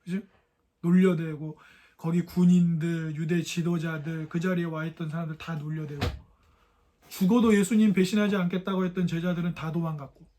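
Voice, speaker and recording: A young man preaching a sermon in a fairly high voice. He keeps asking his congregation questions and sometimes slips into the voices of mockers to act them out. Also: darkish tone.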